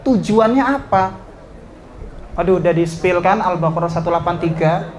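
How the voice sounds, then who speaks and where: A man, an ustadz giving a lively religious talk to students, swinging between raised exhortation and soft joking asides. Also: high voice, normal speed.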